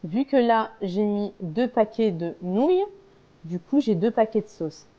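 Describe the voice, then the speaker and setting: A woman's voice: mid-range voice, lively intonation, measured pace, dull audio. A woman casually talking through a recipe step by step as a home cook, in a hesitant, explanatory way. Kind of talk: casual cooking tutorial, talking through steps.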